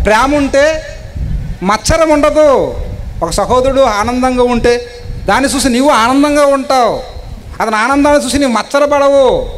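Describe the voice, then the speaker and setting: A man preaching a sermon, politely asking his listeners question after question and swinging between raised and hushed delivery. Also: extremely high pitch, slight background noise. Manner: polite, asks the listeners many rhetorical questions.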